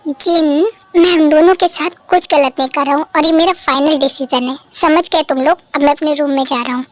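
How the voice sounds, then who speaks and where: A woman's voice: sits high, steady tone, a little fast, no echo, close to an everyday voice. A woman voicing a stern middle-aged father in a fan dub, lecturing and final, close dry mic.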